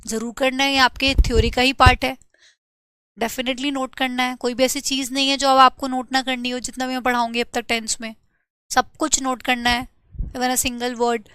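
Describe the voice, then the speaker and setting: A woman teaching grammar in a live online class, brisk and urging students to copy notes quickly while she reads out and answers their chat questions. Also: high-pitched, little pitch movement, fairly bright tone, clean tone, dry recording.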